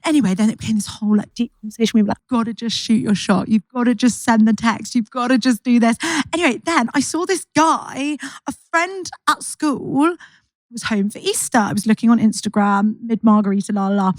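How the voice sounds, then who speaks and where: A woman's voice: on the high side, brisk, no echo. A woman co-hosting a podcast, telling a story in a chatty, giggly way. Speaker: podcast co-host. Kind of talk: casual chat.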